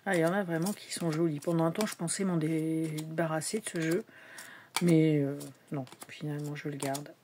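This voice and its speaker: Casting: woman, lowish voice, casual hesitant show-and-tell chatter, faint room noise. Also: fairly even intonation, normal speed, a little mellow. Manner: chatty, hesitant, many fillers, drops to whispers at times. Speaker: tarot deck collector showing decks.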